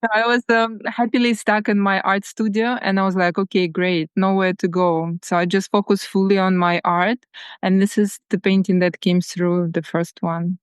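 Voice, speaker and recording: A woman from Ukraine with a Ukrainian accent, speaking reflectively as a guest in a podcast interview, often repeating words and laughing softly. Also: mid-range voice, level tone, moderate pace, smooth, dry recording, clean studio sound. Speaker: guest artist.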